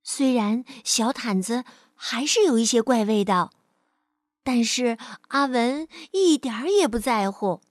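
A woman reading a bedtime storybook to children in a gentle, sing-song way. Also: fairly high pitch, lively intonation, unhurried, no echo, studio quality.

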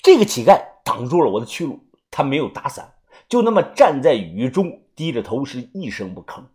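A man's voice: very animated, normal speed, darkish tone. A man narrating a first-person novel in a casual storytelling way. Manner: casual storytelling, swings of pitch.

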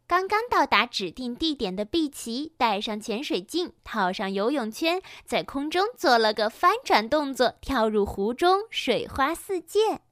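Bright, lively woman storyteller. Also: a little high, a little slow, few pauses, no room sound, studio quality. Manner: lively, acts out characters. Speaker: storyteller teacher. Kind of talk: children's story narration.

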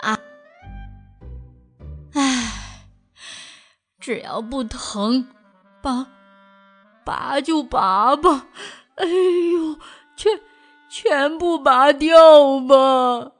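A woman's voice: sits high, extremely slow, pauses often, faint music behind. Woman doing a whining boastful tiger. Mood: meek thankful. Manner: whining and groaning in pain. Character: big boastful male tiger with toothache. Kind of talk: children's storybook reading.

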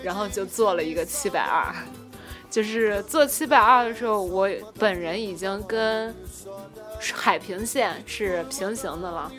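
A young woman hosting a casual podcast chat, telling a story in an animated way and acting out what others said. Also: medium pitch, unhurried, music in the background. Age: young adult. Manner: animated storyteller, acts out quoted dialogue. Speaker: podcast host.

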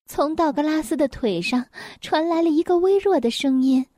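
A woman reading a children's picture book aloud, gentle, clear and expressive. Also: sits high, moderate pace, no echo, clean studio sound. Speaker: storyteller.

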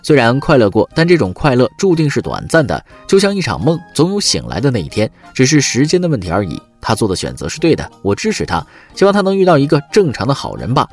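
Male podcast host with comedic news commentary, pitch swinging wildly, wry and teasing, faint music behind. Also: huge pitch swings, fast, few pauses, darkish tone, slightly rough.

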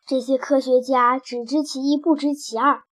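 A woman voicing a calm, wise old male turtle in a storybook reading, speaking in a lowered, knowing voice. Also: normal speed.

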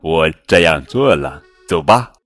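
A man's voice: extremely low pitch, expressive, a little slow, fairly bright tone, faint music behind, heavily acted. A man voicing a playful, teasing trickster elephant cousin.

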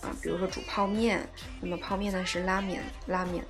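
A woman teaching a language lesson in a patient, repetitive way, going over each example word several times. Her voice sits a little low and has a gravelly, creaky edge. Soft music plays faintly behind her. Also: little pitch movement. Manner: patient, repeats example words slowly.

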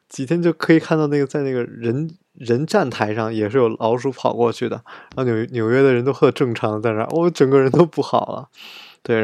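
A man recounts a trip in a loose, chatty monologue, voicing the lines he and others said. His mid-pitched voice carries a gravelly fry. The recording is dry and close, with no room sound. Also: a little mellow, dry recording. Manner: chatty, retells scenes with quoted dialogue. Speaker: travel vlogger. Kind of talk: casual storytelling monologue.

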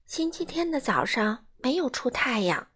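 A woman reading a children's storybook aloud in a gentle, expressive way. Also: high-pitched, normal speed, breathy edge.

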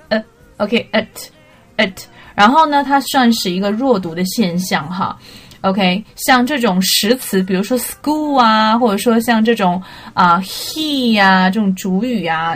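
A woman's voice: medium pitch, a bit bright. A young woman hosting a casual pronunciation lesson, mixing Mandarin with English words and spelling them out letter by letter. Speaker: English pronunciation teacher, podcast host.

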